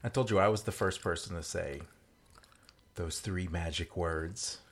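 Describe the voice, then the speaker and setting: A man's voice: sits low, measured pace. A young man co-hosting a podcast with his partner, teasing her with dry banter. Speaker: podcast co-host. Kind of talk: casual couple chat.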